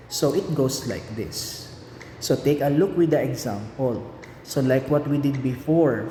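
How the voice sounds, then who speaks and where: Middle-aged man, slightly high voice, lesson narration, deliberate dictating delivery, echoey indoor recording. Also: dark tone. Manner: deliberate step-by-step, dictating as he writes. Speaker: teacher. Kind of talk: lesson narration explaining slides. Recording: echoey reverberant room, faint background noise.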